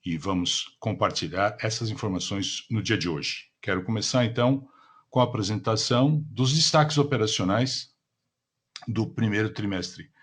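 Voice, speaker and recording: A man with a Brazilian accent and a somewhat deep, husky voice interprets live. His delivery is that of a formal business presentation. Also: moderate pace, a bit bright. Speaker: simultaneous interpreter.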